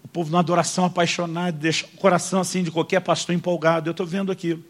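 A man's voice: sits high, very fast. A Brazilian man, a pastor, telling a vivid story in a sermon, calling listeners "brother" and acting out the people he quotes. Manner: animated storyteller, addresses listeners as "irmão", acts out quotes.

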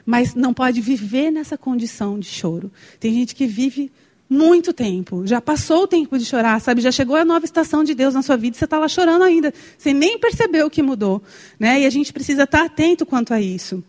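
High-voiced woman preaching in a hall. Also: lively intonation, fairly quick, a little mellow. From Brazil. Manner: personal storytelling, heartfelt, with exclamations. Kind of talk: sermon. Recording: long hall reverb.

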